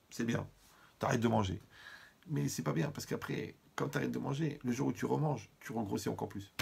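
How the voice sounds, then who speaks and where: A man giving a lively Torah lesson, talking straight to his listeners and using funny everyday examples. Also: medium pitch, creaky, slightly rough. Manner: lively, talks to listeners directly, humorous examples. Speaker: rabbi teaching Torah.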